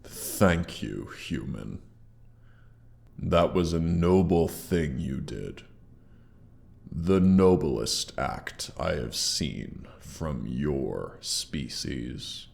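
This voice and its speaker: A man voicing a proud, mighty dragon with a gravelly, pompous, condescending delivery and an effect on the voice, in a scripted roleplay audio. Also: extremely low pitch, sing-song, darkish tone, exaggerated voice. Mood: grudgingly grateful. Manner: pompous, condescending, deliberate theatrical phrasing. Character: proud, mighty male dragon, haughty yet grudgingly grateful. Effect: sound effects processing on the voice.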